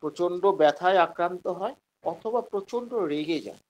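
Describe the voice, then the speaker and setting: Man, Bengali accent, lecturing online, higher voice, poses questions and answers them. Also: lively intonation, brisk, darkish tone, low-quality recording. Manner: acts out quoted patients in a raised voice. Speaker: homeopathy teacher.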